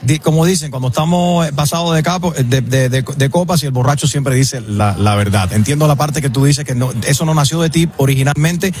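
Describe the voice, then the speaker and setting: Chatty, higher-voiced male host. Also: a little fast, hardly any pauses, a little mellow, slight background noise. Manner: chatty, joking, stumbles over words. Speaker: interview host. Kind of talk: casual interview chat.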